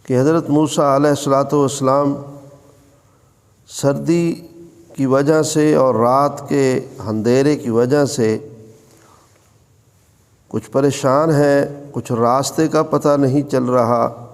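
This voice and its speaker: A man giving a religious lesson, explaining scripture in an unhurried, measured way and chanting verses between his paraphrases. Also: mid-range voice, fairly even intonation, a little mellow, big-room sound. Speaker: Quran teacher.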